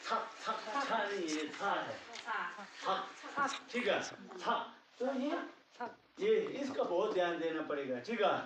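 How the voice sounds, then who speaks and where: A man's voice: high voice, sing-song, slow, a crowd in the background. A man teaching a language class patiently, often checking whether his students follow. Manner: patient, repeats "ठीक है" often, checks understanding. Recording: echoey room, distant mic, dull sound.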